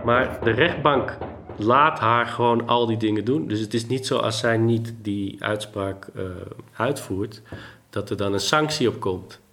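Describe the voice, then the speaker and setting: A man's voice: measured pace, fairly bright tone. A middle-aged father telling, in an agitated and pleading way, how he keeps trying to see his son, in a documentary interview. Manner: agitated, pleading, rising pitch when recounting. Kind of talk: documentary interview and phone call.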